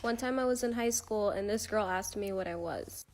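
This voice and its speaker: A woman retelling a school story to camera in a flat, disbelieving way. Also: mid-range voice, normal speed.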